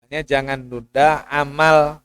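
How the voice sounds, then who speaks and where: A male Islamic preacher with a voice, giving an animated sermon lecture and acting out pleading prayers. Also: fairly high pitch, measured pace, clear, resonant tone, no room sound. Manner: animated, acts out pleading prayers and mixes in Javanese phrases.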